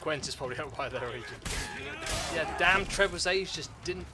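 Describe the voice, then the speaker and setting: A man with a fairly high voice chats casually as he streams a game. He is exclamatory with his viewers. The microphone picks up clear background noise. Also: moderate pace. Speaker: livestream gamer and host. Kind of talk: casual game livestream chat. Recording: clearly noisy livestream microphone. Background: game sounds and background noise.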